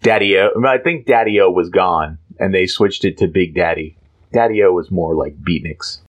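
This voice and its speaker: A man's voice: deep voice, moderate pace, highs cut off. A man co-hosting a casual chat, describing and reading a comic aloud in a playful way. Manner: playful, jumps into voices, animated. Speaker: podcast co-host.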